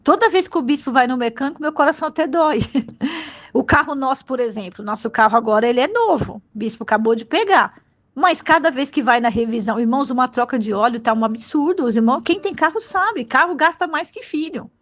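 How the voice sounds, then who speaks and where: A woman's voice: high voice, lively intonation, brisk, a bit bright. A woman bishop with a Brazilian Portuguese accent, preaching a fervent, emotional sermon full of exclamations.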